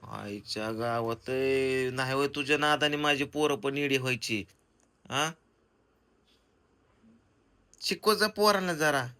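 A man's voice: medium pitch, measured pace, clean tone. A young man, scolding and teasing his wife in a comic family vlog. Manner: scolding, teasing, loud and bossy. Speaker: comedian vlogger, husband and father.

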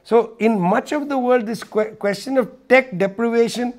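High-pitched, emphatic male guest. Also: moderate pace. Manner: emphatic, repeats key points; wry, sarcastic asides. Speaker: interview guest. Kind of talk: political discussion.

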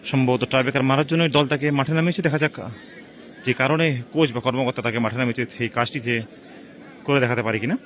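Male football commentator, rapid-fire excited shootout calls, crowd and faint noise behind him. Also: medium pitch. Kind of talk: live play-by-play football commentary of a penalty shootout. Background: outdoor crowd at a local football match.

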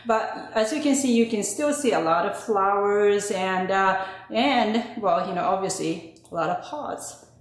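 A woman vlogging about her garden plants in a relaxed, hesitant way with many ums, her voice ringing with a strong hall-like echo. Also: medium pitch, unhurried. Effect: strong echo, as in a big hall. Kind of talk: casual show-and-tell. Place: indoor spot chosen for space to film tall plants. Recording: echoey room recording.

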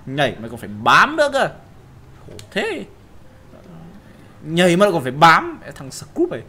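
A young man playing a horror game while he talks, yelping and shouting at every scare and muttering quietly when he sneaks around. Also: on the high side, huge pitch swings, normal speed, slightly rough. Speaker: gaming channel host. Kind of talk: horror game let's play commentary.

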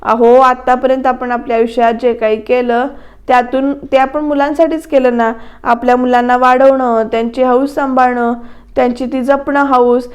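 A woman's voice: high-pitched, little pitch movement, moderate pace, lightly acted. A woman voicing an aging mother who pleads with and soothes her husband. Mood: pleading.

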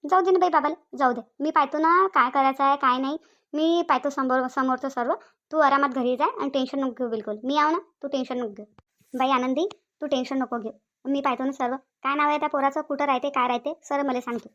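A bossy elderly aunt from a village, fussing and reassuring in a Vidarbha Marathi accent, as a woman voices her. She talks quickly and her voice sits fairly high for an old woman. This is a cartoon role. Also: steady tone, a bit bright, muffled recording. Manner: scolding, reassuring, drawn-out rural chatter. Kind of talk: cartoon voice acting.

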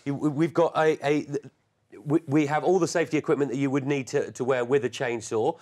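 A man's voice: medium pitch, fairly even intonation, a little fast, darkish tone. A middle-aged man demonstrating a product on a TV shopping set, talking in a chatty way full of fillers and restarts.

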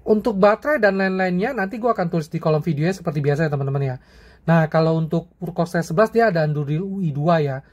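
A young man casually reviews and compares flashlights in a product vlog, talking fast in a slightly high, somewhat mellow voice. He's chatty and slangy, often tacking friendly fillers like "ya" and "teman-teman" onto his sentences.

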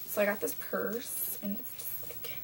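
A woman's voice: medium pitch, fairly even intonation, unhurried. A young woman from Canada talking casually in a haul video, chatty and rambling with lots of fillers, in a small bedroom. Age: young adult. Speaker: vlogger. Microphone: webcam at desk distance. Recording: webcam mic from a distance, faint hiss.

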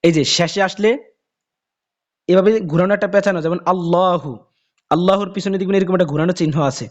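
A man with a teaching Quran reading in a casual spoken lesson, explaining letters and drawling each letter name slowly again and again. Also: sits high, fairly even intonation, muffled recording.

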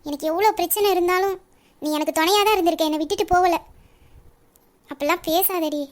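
A woman's voice: very high-pitched, a little fast. A woman voicing a troubled young woman who speaks hesitantly and evasively about her marriage. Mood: pleading. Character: troubled young bride-to-be, secretly in love. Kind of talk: audio story reading.

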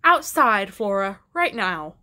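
A stern, impatient mother gives short orders at an unhurried pace in a storybook. A woman reading aloud voices her. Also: mid-range voice, very animated, bright, forceful tone, heavily acted.

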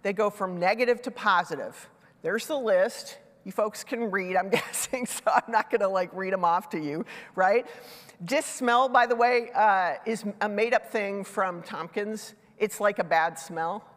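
In a reverberant conference hall, a middle-aged woman talks conversationally from a large dark stage, wearing a headset mic. Her voice sits mid-range and moves unhurriedly, a bit congested because of a sinus infection. Every so often she tosses in a self-deprecating remark.

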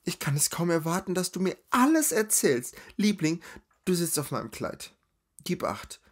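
A man voicing a giggly, vain, rich young woman in a storybook reading, in a high chattering drawl. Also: big pitch swings, normal speed.

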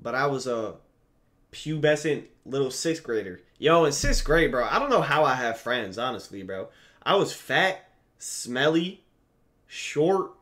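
A man's voice: medium pitch, lively intonation, a little slow, fairly bright tone. A man in his twenties giving casual live reaction commentary from his bedroom on a headset mic, talking in loose slang with plenty of swearing. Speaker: streamer reacting to a video.

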